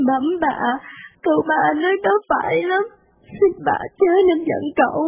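A woman voicing a meek, devoted young servant girl who speaks softly and deferentially. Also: extremely high pitch, voice pushed up, rough recording. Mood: pleading. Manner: soft, slow, deferential.

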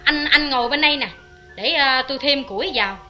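An actress with a Southern Vietnamese accent playing an affectionate, sharp-tongued wife in a radio drama, talking in a chatty, teasing way. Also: female voice, high voice, brisk. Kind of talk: vintage radio drama acting. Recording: clear music behind.

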